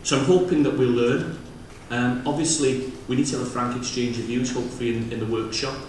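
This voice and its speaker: A man with a Welsh accent opens a conference in a halting, semi-improvised way. His mid-pitched voice reaches the microphone from a distance, swimming in heavy room echo. He pauses often as he addresses the delegates. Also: fairly even intonation, a little mellow. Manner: hesitant, halting delivery with frequent pauses. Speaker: conference opening speaker, local government representative. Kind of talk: bilingual public speech, semi-improvised. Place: large indoor conference venue. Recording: distant, very echoey hall with clear noise.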